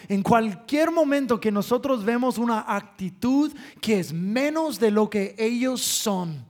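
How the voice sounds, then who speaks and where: A man's voice: high voice, darkish tone. A man preaching a sermon through family stories, emphatic, repeating phrases and chuckling between points.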